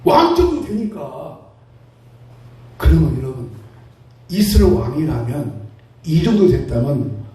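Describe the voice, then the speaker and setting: Male pastor preaching, high voice that swoops around, mellow tone, big echoey hall from a ways off. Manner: animated storytelling, acting out the characters. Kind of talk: sermon. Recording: very echoey hall, heard from a distance.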